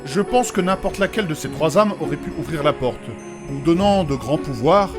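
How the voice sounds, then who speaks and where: In a French fantasy comedy audio drama, a man plays a courteous, solemn nobleman who speaks in old-fashioned formal diction while explaining something gravely. His natural voice runs on the high side, with lively intonation at a normal speed, and music plays underneath.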